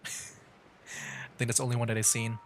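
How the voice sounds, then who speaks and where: A man with a medium-pitched voice and lively intonation speaks at a measured pace. As a livestreaming VTuber gamer, he gives casual, rambling game commentary, often repeating himself while chatting. There's a little hiss or hum.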